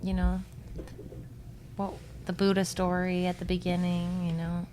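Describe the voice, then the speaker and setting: A woman's voice: fairly low pitch, monotone, unhurried, warm tone, a little hiss or hum. A woman co-hosting a casual podcast, laid-back and amused, with lots of "like" in her talk. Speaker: podcast co-host. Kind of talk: casual chat.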